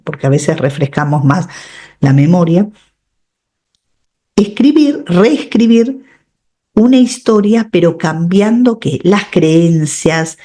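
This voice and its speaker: A woman's voice: sits low, mellow. A middle-aged woman, a radio host and coach giving reflective step-by-step advice, often checking in with tag questions. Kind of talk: advice talk on personal growth.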